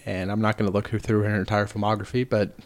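Podcast host, male, relaxed chatty delivery, easy laughs, casual swearing. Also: lowish voice, fast talker. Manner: laid-back, laughs often, curses casually. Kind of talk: casual movie podcast chat.

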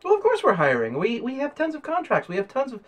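A man's voice: very high-pitched, huge pitch swings, fast talker, pitched above the performer's own voice, full character voice. Man putting on a chipper young alien receptionist. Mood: welcoming. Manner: chipper, eager to help.

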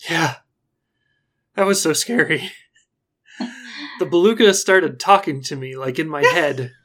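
Player voicing excitable young adventurer Chalice. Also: medium pitch, unhurried. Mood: giddy. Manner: rambling, giggly, fillers like "like". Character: young woman, excitable, earnest and a little indignant.

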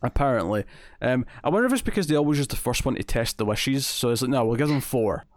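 A man's voice: medium pitch, big pitch swings, quick pace, a little hiss or hum. A Scottish man co-hosting a review podcast in casual chat, full of fillers and restarts. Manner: chatty, many fillers and repeated starts. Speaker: podcast co-host reviewing an episode.

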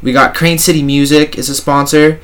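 A very high man chatting casually in a slangy, sweary stoner manner. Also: little pitch movement, brisk, a bit bright. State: very high on cannabis. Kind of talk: casual chat.

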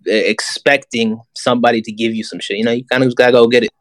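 A man's voice: medium pitch, steady tone, fast talker, no echo. A young American man chatting casually as a podcast guest, in slangy speech with frequent conversational tags. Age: young adult. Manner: slangy, peppered with "man" and "you know". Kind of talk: casual chat.

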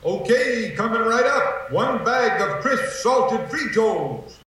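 Old prospector male actor, 1950s ad character, high and slow, heavy echo on a distant recording. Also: animated, fairly bright tone, full character voice. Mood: folksy, obliging. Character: old prospector miner Klondike, an animated mountain-dwelling vending figure.

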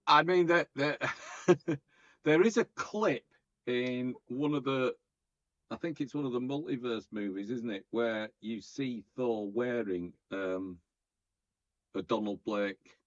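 A man's voice: mid-range voice, slow, no echo. A man co-hosting a casual podcast chat about films, rambling and joking. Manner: joking, rambling, laughs often. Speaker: podcast co-host. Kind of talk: casual film review chat. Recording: dull lo-fi mic.

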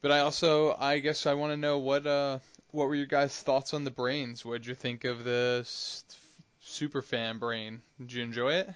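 A man's voice: mid-range voice, flat delivery, moderate pace, clean tone, no room sound. Casual questioning man, dry sound. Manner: asks questions, casual and loose. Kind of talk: casual chat.

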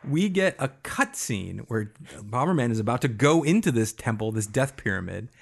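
A man's voice: medium pitch, sing-song, creaky. A man co-hosting a casual chat about an old video game, laughing often and swearing freely. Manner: laughing, swearing, quick asides. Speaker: podcast co-host.

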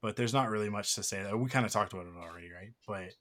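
A man's voice: lowish voice, racing, a bit bright. A man hosting a podcast, talking in a rambling, heartfelt way with lots of fillers and restarts. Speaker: podcast host. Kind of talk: casual podcast chat.

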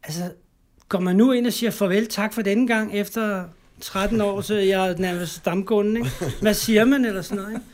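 Speaking with a high pitch and fairly even intonation, a middle-aged man from Denmark shares his personal story as an interview guest. There's slight background noise. He halts, repeats words, and closes sentences with tag questions.

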